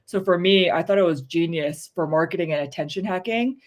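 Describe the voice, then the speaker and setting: A woman co-hosting a casual chat show, speaking candidly and with strong opinions, full of fillers, her pitch rising when she stresses a point. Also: a little fast. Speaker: podcast co-host.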